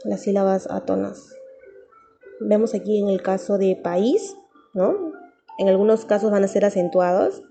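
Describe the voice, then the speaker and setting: Very dark-voiced woman teaching a lesson. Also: mid-range voice, gravelly, faint music behind. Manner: patient, repeats key terms slowly. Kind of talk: recorded grammar lesson.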